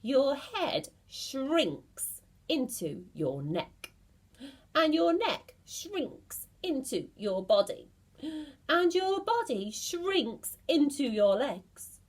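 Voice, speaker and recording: A woman's voice: medium pitch, sing-song, slow, a little mellow. A woman doing a gloating, nasty old man. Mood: gloating menace. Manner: solemn, gloating, emphatic.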